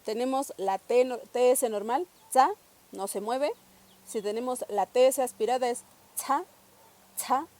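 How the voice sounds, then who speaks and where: A woman's voice: on the high side, measured pace, mellow. A young woman from Mexico, patiently teaching a pronunciation lesson and repeating each sound several times. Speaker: language teacher.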